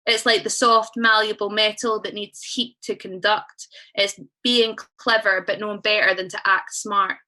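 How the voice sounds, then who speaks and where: A young woman with a Scottish accent reads list poems and tells rambling, self-deprecating stories at a live event. Her voice is bright and forceful and sits slightly high. She swears freely and keeps the tone casual. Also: low-quality recording. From Scotland. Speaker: poet. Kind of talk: spoken word poetry and storytelling at a live event.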